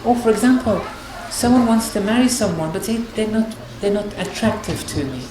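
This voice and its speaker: A woman's voice: mid-range voice, normal speed, a crowd in the background. A woman giving an earnest religious lecture on marriage, counselling her listeners and often restarting her phrases. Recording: very echoey hall with noise.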